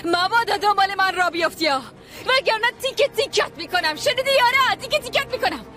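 A woman dubbing a panicked, furious young woman in a drama, shouting threats and sobbing. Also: very high voice, animated, faint music behind, some chatter behind, heavily acted. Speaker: dubbed actress playing a distraught young bride. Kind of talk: Persian dub of a drama series.

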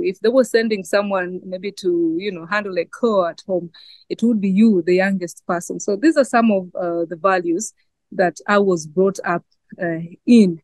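Over a video call, a young Ugandan woman journalist sits outdoors near a garden, thoughtfully answering an interviewer's questions with lots of fillers. Her voice is medium-pitched and a little mellow, carrying a Swahili-influenced East African accent, and the recording is dry but rough.

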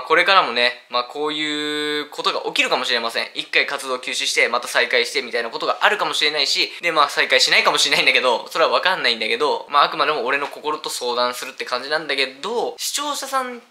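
A man's voice: a little high, bright, forceful tone. A young man talking unscripted to his viewers, rambling with many fillers, earnest and apologetic. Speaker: YouTuber announcing a hiatus. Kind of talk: unscripted talk to camera.

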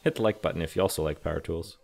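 A young man talks through his model build in a steady, matter-of-fact voice-over. His voice sits very low with a gravelly edge. Quiet music plays underneath. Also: rapid-fire. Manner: calm, explanatory, matter-of-fact. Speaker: scale model and terrain builder. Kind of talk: scripted voice-over narration. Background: soft background music.

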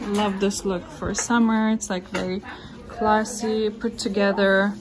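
A young woman chatting casually as she films a clothing try-on in a store fitting room, holding her phone at arm's length. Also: mid-range voice. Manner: relaxed, chatty, enthusiastic about clothes. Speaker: fashion vlogger. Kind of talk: casual try-on haul narration.

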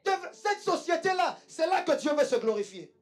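A woman's voice: very high voice, very animated, normal speed, soft background music. A woman preaching a sermon with emphasis, repeating lines and calling the congregation to say them back. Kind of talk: church sermon.

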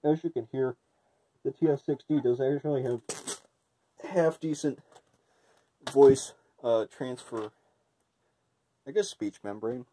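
A man's voice: medium pitch, slow, pauses often, warm tone. A man giving a casual hands-on review, his voice muffled as he speaks through a gas mask. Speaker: product reviewer.

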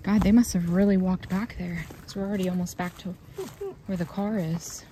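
A woman's voice: on the low side, steady tone, moderate pace, mellow, a little hiss or hum. A woman hosting a ghost-hunting vlog, chatting to the camera while walking through a forest and cemetery. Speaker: vlog host, paranormal investigator.

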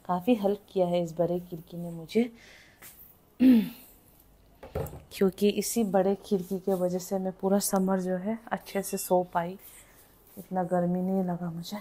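Filming a casual vlog from her small room at home, a young woman talks to her viewers and blends English words into what she says. Her voice is fairly low and dark, with a steady tone, a measured pace, and long pauses.

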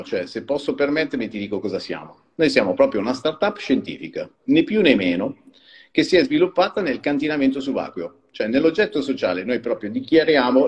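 A man's voice: medium pitch, big-room sound. A man, founder of a small wine company, explaining his business in a chatty live-stream interview and laughing often. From Liguria.

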